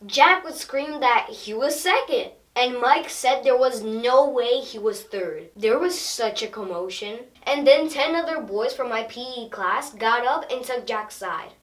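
A woman voices a schoolkid daughter in a scripted learner dialogue, speaking very slowly in a bright, clear tone. The voice sits back from the mic in an echoey room. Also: on the high side, animated, distant mic. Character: schoolkid daughter telling about her day.

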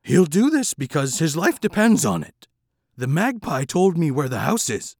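A man voicing a gruff, scruffy male mutt dog who talks loudly and bitterly. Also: fairly high pitch, big pitch swings, moderate pace, no room sound, clean studio sound. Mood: bossy. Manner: loud and barking.

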